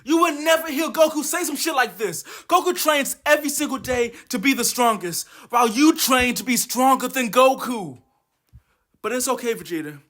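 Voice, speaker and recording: A man's voice: very high voice, animated, normal speed, pushed and bright, faint music behind. A man doing a comedic anime commentary rant, exasperated, profane and mocking. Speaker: video essayist.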